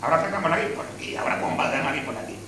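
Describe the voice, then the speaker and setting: A man's voice: on the high side, lively intonation, racing. Man speaking far off in an echoey hall. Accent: Spanish from Spain. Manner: hesitant, with restarts, opinionated. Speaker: speaker at a public discussion. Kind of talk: debate after a film screening. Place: hall of a social club. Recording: echoey room, far from the mic, noisy.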